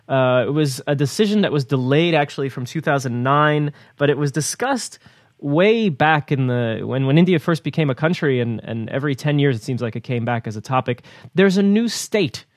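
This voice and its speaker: A man's voice: fairly high pitch, animated, normal speed, no room sound, studio quality. Rambling man chatting about the news. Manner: rambling, repeats words, laughs between points. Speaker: co-host of a news talk program. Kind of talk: casual news discussion.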